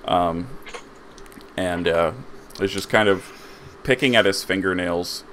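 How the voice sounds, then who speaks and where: A man running a tabletop game, narrating slowly and pausing on many fillers. His voice sits low, and faint noise hums underneath. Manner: halting, many fillers, laughs often. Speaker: game master.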